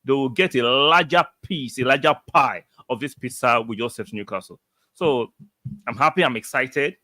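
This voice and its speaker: Man, football reaction livestream host, emphatic, repetitive, bright forceful voice, dry close mic. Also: medium pitch, no room sound. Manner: emphatic and repetitive, reads out viewer comments. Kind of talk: excited match reaction livestream.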